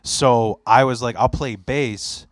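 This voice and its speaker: A Polish podcast host, whose first language is Polish, chats casually and tells rambling, profane stories full of restarts. He speaks slowly at medium pitch, with no room sound on the recording.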